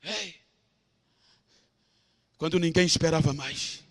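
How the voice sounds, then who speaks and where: High gravelly Brazilian preacher, shouting. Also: male voice, slow. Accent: Brazilian Portuguese. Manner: swings from hushed storytelling to shouted climaxes. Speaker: pastor. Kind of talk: dramatic preaching sermon.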